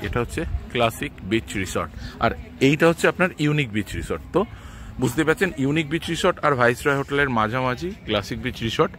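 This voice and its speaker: A man's voice: mid-range voice, a bit bright. A man giving casual, unscripted travel vlog narration outdoors, repeating and rephrasing as he explains, with wind on the mic. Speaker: travel vlogger. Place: open sea beach outdoors, in the wind. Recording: windy outdoor noise on mic. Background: wind and outdoor ambience.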